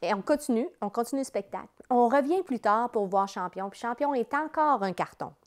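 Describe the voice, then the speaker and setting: A woman's voice: a little high, animated, fairly quick. A woman with a Quebec accent enthusiastically explaining her children's show in a promotional interview. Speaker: children's entertainer, company president.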